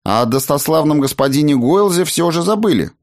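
A man's voice: mid-range voice, moderate pace, dry recording, clean studio sound, pitched above the performer's own voice, natural voice. A man reading a firm sorceress mother. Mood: stern. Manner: firm, even-voiced commands. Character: firm sorceress mother, former battle mage.

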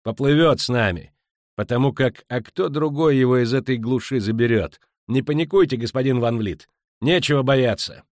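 A man voicing a gruff, scornful ship captain who bullies and shouts down others, in an audiobook. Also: fairly low pitch, moderate pace, no room sound, clean studio sound, lightly acted. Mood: blustering.

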